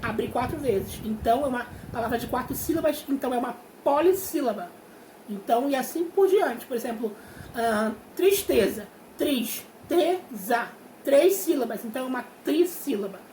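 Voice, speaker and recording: A high-pitched Brazilian woman teaching a young class, patient and clear, stretching out words syllable by syllable. Her voice rings in an echoey room. A faint hiss sits under the recording. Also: lively intonation, normal speed, mellow. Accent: Brazilian Portuguese. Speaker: primary school teacher. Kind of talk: remote class explanation.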